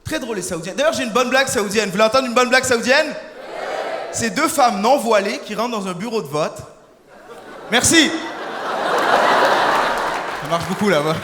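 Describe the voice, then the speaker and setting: A young man doing stand-up on a theater stage, animated and bursting into shouted impressions. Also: high voice, normal speed, pauses often, over a noisy crowd. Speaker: stand-up comedian. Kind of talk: stand-up comedy set. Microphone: stage microphone. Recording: reverberant hall, faint audience noise.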